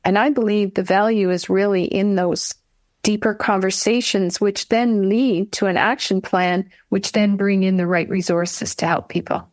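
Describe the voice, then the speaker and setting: A woman's voice: medium pitch, fairly even intonation, no room sound. Persuasive woman guest, dry close sound. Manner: measured, persuasive, speaks in lists. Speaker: guest, financial advisor trainer. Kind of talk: interview conversation.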